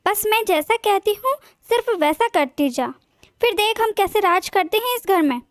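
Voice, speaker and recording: A woman's voice: very high voice, lively intonation, normal speed, dry recording, clean studio sound. A woman voicing a scheming middle-aged mother of a bride who talks in a sly, soothing way.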